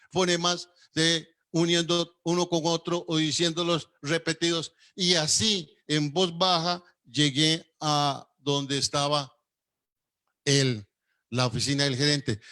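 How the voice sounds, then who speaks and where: A man preaching, telling a personal testimony as a lively story and acting out the dialogue. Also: a little high. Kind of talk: sermon testimony.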